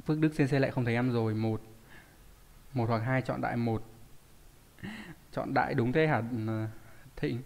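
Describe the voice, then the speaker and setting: A man's voice: medium pitch, normal speed, gravelly, long pauses, darkish tone. A man teaching a live online language class, reading out student answers and asking the class frequent rhetorical questions. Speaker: Japanese teacher. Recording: long hall reverb.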